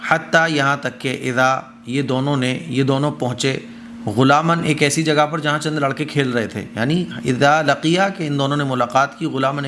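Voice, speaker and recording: A man's voice: mid-range voice, fairly bright tone, slight background noise. Man giving a Quran commentary lecture. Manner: reciting verses slowly then explaining them conversationally.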